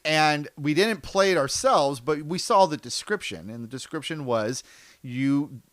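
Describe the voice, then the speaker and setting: A man's voice: fairly high pitch, measured pace, dry recording. A man co-hosting a podcast, telling a story in casual chat and laughing often. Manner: animated storyteller, laughs often, acts out voices. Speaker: podcast co-host.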